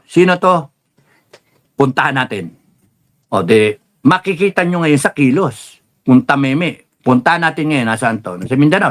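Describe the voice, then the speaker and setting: Filipino guy rambling about politics, taglish, chuckles a lot, mid-pitched voice. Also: a bit bright. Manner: rambling, mixes Tagalog and English, chuckles while talking. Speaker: political commentator. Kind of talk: casual political commentary.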